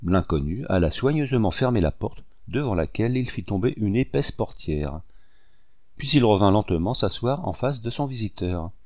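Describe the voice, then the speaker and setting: A man giving a steady, measured audiobook narration of a novel. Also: fairly low pitch, no echo, studio quality. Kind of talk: scripted narration.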